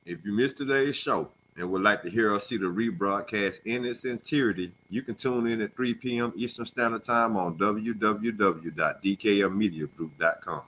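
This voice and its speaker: A man's voice: fairly low pitch, normal speed, few pauses, fairly bright tone. A man from Alabama, co-hosting a radio show in casual banter. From Alabama, USA. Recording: noisy, with background ambience.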